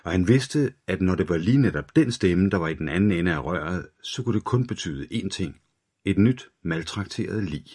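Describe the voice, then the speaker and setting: A man reading a crime thriller audiobook aloud in a steady, dark storytelling manner. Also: low voice, husky. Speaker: audiobook narrator. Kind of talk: scripted thriller narration.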